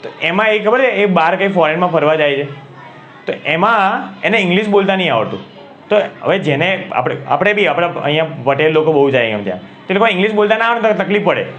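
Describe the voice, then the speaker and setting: Gujarati-accented male teacher, slightly high voice, quizzes his class, faint room hum behind. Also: expressive, fast talker, fairly bright tone, highs cut off. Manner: asks the class questions and repeats key words. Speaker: English grammar teacher.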